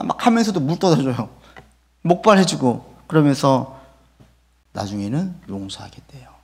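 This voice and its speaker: A man's voice: mid-range voice, gravelly, breathy edge. A male pastor preaching a sermon, telling a story, acting out the people in it and asking the congregation rhetorical questions. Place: church sanctuary.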